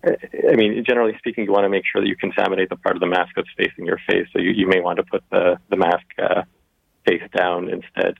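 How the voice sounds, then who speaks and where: Guy expert, really low voice with vocal fry, measured explaining, lo-fi remote sound. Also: dry recording. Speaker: expert guest, epidemiologist. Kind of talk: explanatory interview answers. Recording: dull lo-fi remote connection.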